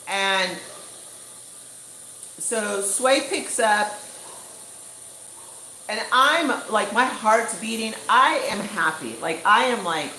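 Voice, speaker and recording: Woman vlogger, mid-pitched, chatty storyteller; roomy echo, faint background hum. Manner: chatty, animated, full of fillers like "you know" and "like". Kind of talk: casual storytime vlog. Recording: echoey room with faint ambience.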